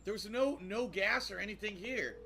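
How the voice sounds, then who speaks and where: A man giving excitable, profane commentary as he plays a video game, breaking into loud outbursts and laughter. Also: sits high, moderate pace, vocal fry. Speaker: gameplay streamer. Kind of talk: swearing let's-play commentary.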